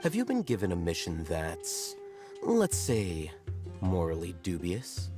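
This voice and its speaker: An actor playing a calm, sardonic male scholar who asks needling questions in video game dialogue. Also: deep voice, exaggerated voice. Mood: probing. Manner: dry, measured, needling questions. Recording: game music behind.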